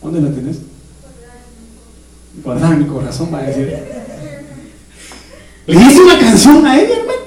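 A male pastor, preaching a sermon in a joking, animated way with laughter and sudden shouts, recorded in a church. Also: fairly high pitch, normal speed, long pauses. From Guatemala. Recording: echoey church hall, mic at a distance.

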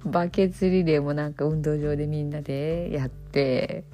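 A woman in her fifties speaking in Okayama dialect, talking in a relaxed, reflective solo chat with many soft fillers. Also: low-pitched, moderate pace, music in the background. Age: 50s. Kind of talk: casual solo monologue.

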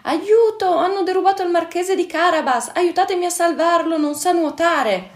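A woman's voice: normal speed, lightly acted. A woman voicing a sly, clever male cat servant in a storybook reading, fawning and crafty. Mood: shrill alarm. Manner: fawning, then shrill cries for help. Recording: echoey room.

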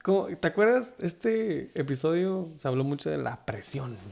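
A man's voice: fairly high pitch, lively intonation, normal speed, vocal fry, a little mellow. A man with a Mexican Chicano accent chatting casually as a co-host, full of street slang and dropping in English phrases. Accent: Mexican Spanish with Chicano flavor. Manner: slangy, code-switches into English. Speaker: sports league podcast co-host. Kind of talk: casual slangy banter about a fantasy league.

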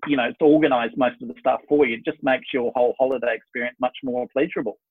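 A man's voice: mid-range voice, steady tone, quick pace, slightly rough, no room sound. A man hosting a casual chat, explaining details in a chatty, wry way. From Australia. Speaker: podcast host running ski group trips. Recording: tinny phone-line sound.

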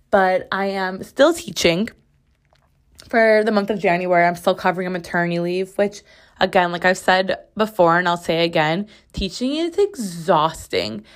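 A young woman hosts a solo podcast at a moderate pace, her talk a loose, chatty ramble full of "like." The lowish voice is a bit raspy, recovering after she'd lost it, and the recording comes from her home bathroom.

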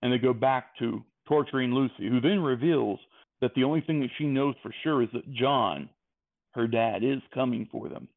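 Man, comic storyteller, rambling self-correcting narration, middle pitch, tinny phone-line sound. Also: moderate pace. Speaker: comedy storyteller. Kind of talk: improvised comic retelling.

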